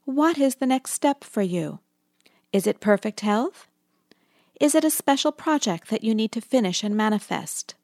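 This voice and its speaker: A woman narrating a guided meditation in a soft, soothing manner with long pauses between phrases. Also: on the high side, animated. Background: background music.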